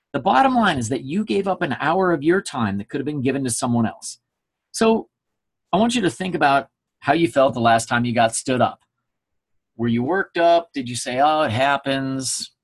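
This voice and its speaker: Husky man coaching with emphatic check-ins. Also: on the high side, lively intonation, brisk. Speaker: sales trainer. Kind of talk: recorded training presentation.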